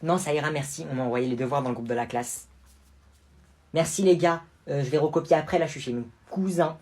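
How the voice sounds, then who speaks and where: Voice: medium pitch, a little fast, darkish tone, lightly acted. A performer voicing a chatty, boastful preteen girl cousin in a comedy sketch. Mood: gushing. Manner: gushing, chatty.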